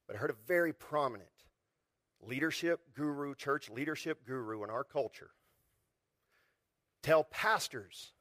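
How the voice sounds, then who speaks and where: A male pastor delivers a sermon in an animated, talk-to-you style and keeps throwing questions at the congregation. His voice sits on the high side for a man. The recording is close and dry. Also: a little slow, pauses often, no room sound. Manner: animated, conversational preaching with rhetorical questions.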